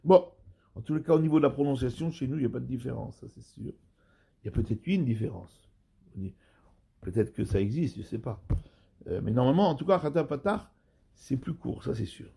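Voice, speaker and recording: A man, a rabbi giving a Torah study lesson, explaining slowly and repeating and rephrasing terms. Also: medium pitch, animated, creaky, mellow, slightly rough.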